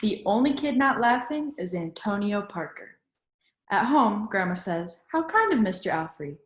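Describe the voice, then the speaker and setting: A woman with a medium-pitched, very animated voice reads a picture book to children in an instructive manner, interrupting herself with questions for them. The sound is reverberant.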